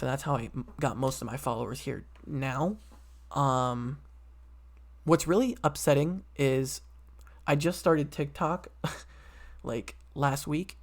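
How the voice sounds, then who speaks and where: A young man in his late teens hosting a casual solo podcast from his computer, rambling with many fillers and restarts. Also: fairly high pitch. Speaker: podcast host.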